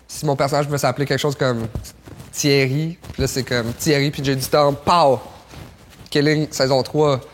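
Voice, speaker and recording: A man's voice: medium pitch, fairly even intonation, normal speed, a little hiss or hum. A man, an actor laying out self-important demands in an interview.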